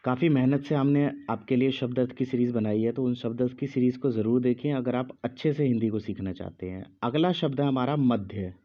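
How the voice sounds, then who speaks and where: Slow, deliberate male teacher. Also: medium pitch, highs cut off. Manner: speaks slowly with pauses, repeats each word. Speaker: Hindi teacher. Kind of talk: slow dictation lesson.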